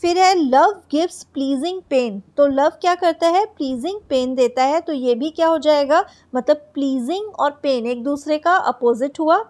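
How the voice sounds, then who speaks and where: A woman with a high, slightly mellow voice runs an exam-prep lesson. Her explanations are in Hindi, she reads the English definitions slowly, and she answers the questions she asks.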